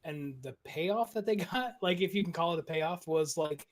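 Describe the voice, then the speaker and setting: A man's voice: a little high, normal speed. A man hosting a podcast, chatting casually, laughing often and explaining what he did. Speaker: streamer and podcast host. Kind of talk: casual chat.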